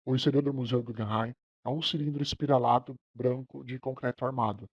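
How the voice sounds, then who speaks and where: A young Brazilian man speaking as a famous old American architect, reading a scripted first-person account in a steady, proud tone for a class project. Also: medium pitch, fairly quick, no room sound, lightly acted. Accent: Brazilian Portuguese. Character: famous elderly male American architect, proud of his work. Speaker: architecture student.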